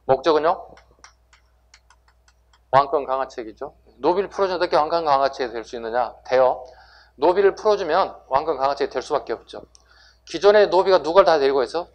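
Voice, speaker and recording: A man's voice: a little high, expressive, fairly quick, dull audio. Emphatic man lecturing a class. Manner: rhetorical questions, answering himself, emphatic. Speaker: civil service exam history lecturer.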